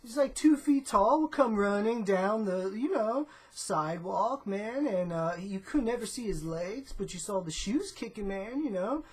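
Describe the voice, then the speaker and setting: A woman hosting her own offbeat vlog, talking in a slow, rambling, stoner-dude drawl. Her voice is soft and breathy, with a slight husk at mid pitch. She drifts between "you know" and "uh," and nearly every phrase ends on a lazy "man.". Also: animated. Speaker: vlogger. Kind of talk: laid-back comedic vlog monologue.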